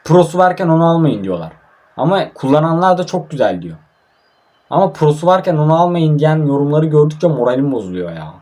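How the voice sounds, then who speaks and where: A young man from Turkey talks over his own mobile football match in a casual, grumbling stream of commentary. He swears often and sounds openly frustrated, and his voice sits a little higher than most men's. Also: very animated, a little fast, darkish tone.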